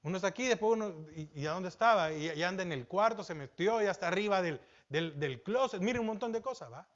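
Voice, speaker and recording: A Salvadoran man preaches with a high voice, firing questions at the congregation. He swings from emphatic, rising lines to quiet, low asides. The recording sounds dull and lo-fi. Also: expressive, quick pace. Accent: Salvadoran Spanish. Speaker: pastor. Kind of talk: sermon.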